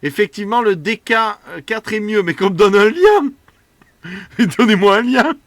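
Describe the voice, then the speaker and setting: A man's voice: high-pitched, lively intonation, moderate pace, fairly bright tone, dry recording. A man hosting a casual tech show, gushing and joking, with a mocking, childish way of repeating himself. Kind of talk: excited casual commentary.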